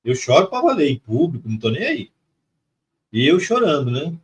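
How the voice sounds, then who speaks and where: Guesting on a spirituality live stream, a middle-aged man from Mato Grosso, Brazil, recounts a personal spiritual story with emotion, stressing points by repeating words. He sounds slightly high and very animated at a moderate pace, over a faint hiss or hum.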